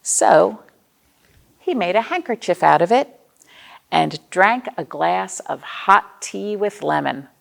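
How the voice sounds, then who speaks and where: Slow, creaky-voiced American woman reading to children. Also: lowish voice. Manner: expressive, simple explanations with questions to young listeners. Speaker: children's librarian, storytime host. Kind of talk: read-aloud storytime for young children.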